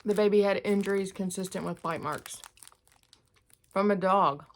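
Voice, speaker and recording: A woman's voice: medium pitch, normal speed. A middle-aged woman chatting casually to camera in an eating video, chewing noisily as she talks with her mouth often full. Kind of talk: casual mukbang chat to camera, commenting on a news story.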